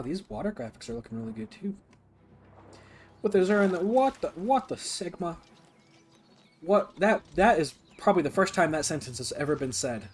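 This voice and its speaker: A man live-streaming a game, chatting casually with lots of fillers like "like" and "you know", and breaking into loud, excited reactions during fights. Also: medium pitch, a little hiss or hum. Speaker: streamer playing a game for the first time.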